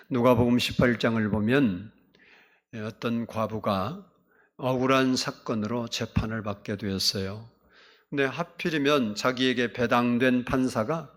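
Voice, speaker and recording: A male pastor preaching a sermon, swinging between loud emphatic exclamations and soft, hushed asides. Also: mid-range voice.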